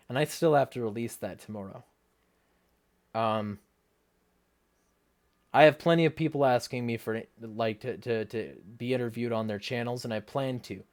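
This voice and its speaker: Male livestream host, mid-pitched, blunt and sweary, indignant ranting with some sarcasm. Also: darkish tone. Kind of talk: ranting livestream talk, reading viewer comments.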